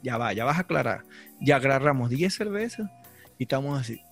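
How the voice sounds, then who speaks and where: A Venezuelan man hosting a casual chat with friends, slangy and joking, often breaking into loud laughter. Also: mid-range voice, expressive, brisk, faint music behind. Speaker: podcast host. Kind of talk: casual banter among friends.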